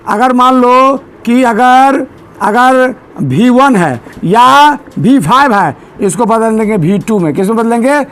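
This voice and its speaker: A male teacher giving a grammar lesson in a classroom, drilling students with repeated questions and asking them to answer loudly. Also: very high-pitched, a little hiss or hum. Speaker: English teacher.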